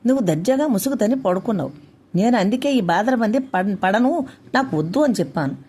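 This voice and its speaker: A woman's voice: on the high side, animated, brisk, warm tone, husky. A woman voicing an indignant young working mother who argues sharply with her husband in a read-aloud story. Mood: angry.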